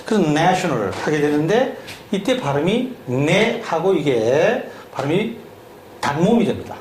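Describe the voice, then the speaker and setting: Male teacher, lesson, slow syllable-by-syllable drilling, roomy echo. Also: on the high side, very animated, a little mellow. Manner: drills slowly, syllable by syllable, asking questions. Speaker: English teacher. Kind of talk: classroom lesson on spelling by syllables. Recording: echoey room with faint hum.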